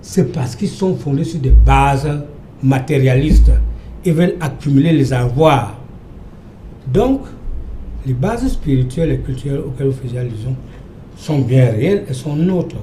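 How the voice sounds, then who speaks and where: A man's voice: medium pitch, expressive, moderate pace, mellow, reverberant, a little hiss or hum. An older professor from Cameroon arguing emphatically as a guest on a televised panel debate, often repeating his phrases. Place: TV studio.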